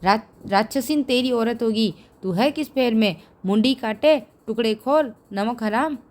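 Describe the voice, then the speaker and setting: A woman reading the part of a fierce, quarrelsome middle-aged village wife who scolds and shouts defiantly. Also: fairly high pitch, unhurried, lightly acted. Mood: angry shouting.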